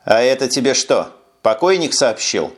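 A man's voice: medium pitch, lively intonation, moderate pace, close to an everyday voice. A man voicing a tired, sarcastic police lieutenant who speaks curtly in an audiobook. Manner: sarcastic, curt. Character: weary sardonic male police lieutenant.

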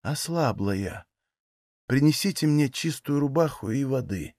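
A dying young peasant woman speaks in a faint, breathy, weak voice, as a man reading the story puts her on. The recording is dry and close. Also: mid-range voice, sing-song, takes it slowly, no echo.

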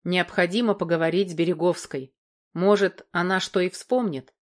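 A woman reading a calm, fatherly older man. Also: fairly low pitch, close to an everyday voice. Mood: reassuring. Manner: measured, gently reassuring.

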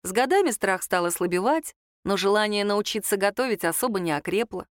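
A woman narrating a novel in an even, lightly wry storytelling manner. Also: medium pitch, fairly quick, no echo, clean studio sound. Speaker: audiobook narrator. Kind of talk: scripted narration.

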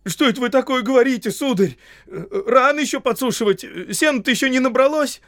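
Sam: a squeaky, pleading young hobbit. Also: male voice, lively intonation, moderate pace, dry recording, studio quality. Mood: flustered. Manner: pleading, rustic speech. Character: young male hobbit gardener, simple and eager.

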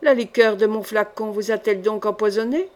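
A woman's voice: mid-range voice, brisk, a little mellow, lightly acted. Woman narrator doing a creepy proud poison guy, cold and smug, audiobook. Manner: cold, boastful.

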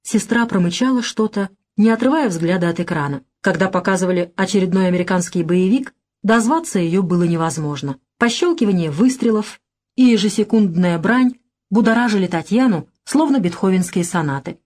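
A woman's voice: medium pitch, expressive, a little fast, a little mellow. Woman reading an audiobook. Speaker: audiobook reader. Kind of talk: audiobook narration.

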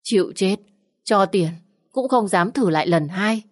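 Here a woman's animated, mid-range voice, a little slow, portrays a whiny, easily frightened man in his 20s. He's timid and keeps complaining and exclaiming.

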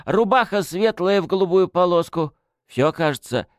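A whiny, cocky young male thief, pitched high and swinging wildly as he pleads in street slang. The voice sits close and dry, with a smooth tone. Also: animated, moderate pace, no room sound. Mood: cagey.

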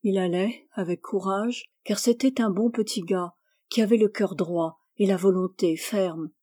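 Woman storyteller, measured and gentle, warm dark-leaning voice for a read-aloud tale. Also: medium pitch. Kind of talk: scripted story narration.

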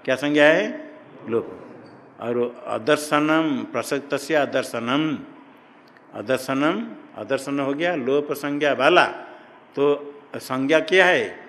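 Male teacher, mid pitch, steady question-and-answer lecturing, echoing hall sound. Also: slow. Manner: asks questions and answers them himself, repeating terms. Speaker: Sanskrit grammar teacher. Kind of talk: classroom lecture. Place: hall or classroom at an ashram.

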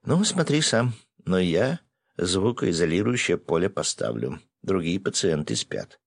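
A man voicing a brisk young woman healer, the count's sister, who grumbles and gives short orders. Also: deep voice, big pitch swings, vocal fry, no room sound, studio quality, heavily acted.

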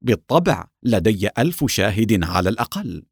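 A man's voice: fairly low pitch, sing-song, a little fast, creaky, husky, dry recording, studio quality, full character voice. A man reading the lines of an impatient, indignant male engineer in a storybook. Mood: annoyed. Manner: curt and indignant.

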